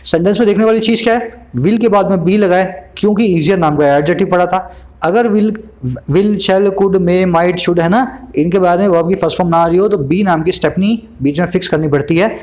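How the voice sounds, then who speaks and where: High-voiced Indian English tutor. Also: male voice, normal speed, darkish tone. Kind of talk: explaining newspaper vocabulary.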